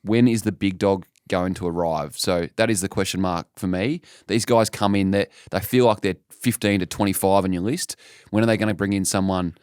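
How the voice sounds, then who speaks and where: Aussie male co-host, low pitch, blunt and analytical, dry sound. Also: fairly even intonation, brisk, a little mellow, clear, resonant tone, no room sound. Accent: Australian. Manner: blunt, analytical, short replies. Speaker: podcast co-host. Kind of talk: casual footy chat.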